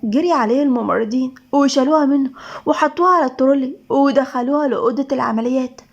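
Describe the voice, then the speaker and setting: Fast high-voiced Egyptian storyteller. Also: female voice, vocal fry, muffled recording. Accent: Egyptian Arabic. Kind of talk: dramatic story narration.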